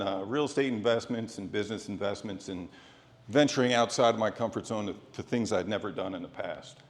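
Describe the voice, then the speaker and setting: A middle-aged man delivering a prepared, sports-themed motivational speech in an earnest, deliberate way, in short phrases with pauses. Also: lowish voice. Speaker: motivational speaker. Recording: echoey hall with long reverb.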